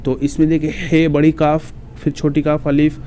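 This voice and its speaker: A man teaching an exam-prep grammar lesson in a soft, darkish voice. He explains patiently step by step and recites lists item by item. A faint hiss sits under his voice. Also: on the high side, monotone, normal speed.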